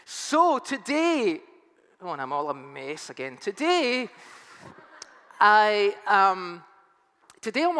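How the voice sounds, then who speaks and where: A man with a high-pitched, somewhat bright voice preaches as pastor, sounding strained and close to losing his voice. His tone is chatty and self-mocking, echoing with long reverb in a church hall with faint music.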